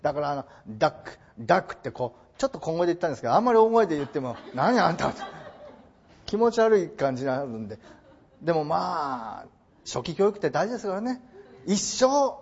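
A man's voice: on the high side, sing-song, fast, darkish tone, muffled recording. A man teaching English translation in a lecture, mixing formal polite phrasing with playful joking asides.

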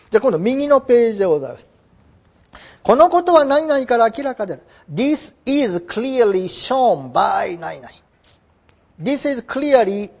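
A middle-aged man with a high-pitched, slightly mellow voice lectures on English phrasing, teaching vocabulary in a polite, explanatory way. He uses plenty of fillers and small digressions, and the recording is dull and lo-fi.

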